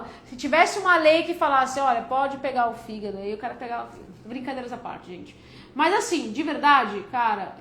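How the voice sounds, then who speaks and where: A woman's voice: high voice, a bit bright. A woman with a São Paulo accent, hosting a casual live stream as a debt advisor and answering viewer questions in a chatty, joking way. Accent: São Paulo Brazilian Portuguese. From São Paulo, Brazil. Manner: chatty and joking, calls viewers "filha" and "cara". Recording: echoey room with faint background noise.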